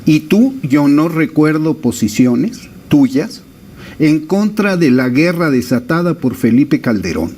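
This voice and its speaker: A man's voice: on the high side, very animated, takes it slowly, warm tone, breathy edge. A man, a producer in a heated debate, firing off confrontational rhetorical questions. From Mexico.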